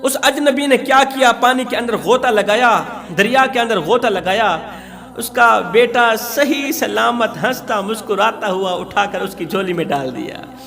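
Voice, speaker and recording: A man with a Pakistani accent, a preacher and religious storyteller, tells a moral tale as a dramatic, declamatory sermon full of emphatic repetition. His voice is high, expressive, unhurried, creaky and a bit bright. Long hall reverb and music fill the recording.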